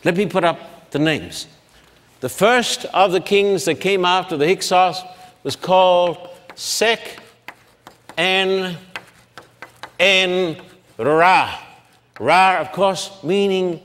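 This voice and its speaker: Standing at a blackboard, a man delivers a public Bible lecture, speaking slowly and deliberately and sounding out long names one syllable at a time. His voice is high-pitched and somewhat bright, and a long hall reverb surrounds it.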